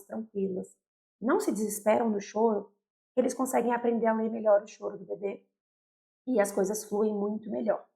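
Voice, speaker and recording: A woman's voice: a little high, vocal fry, a little mellow, poor audio. A young Brazilian woman pediatrician explaining baby care to parents in a direct, explanatory way, often checking in with "tá?" and "né?". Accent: Brazilian Portuguese. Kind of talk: educational talk to parents.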